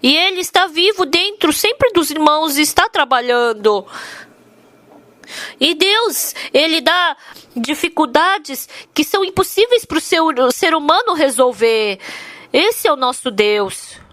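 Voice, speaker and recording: High-voiced woman interpreting a sermon. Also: lively intonation, a little slow, a bit bright, no echo. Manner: earnest storytelling, emphatic.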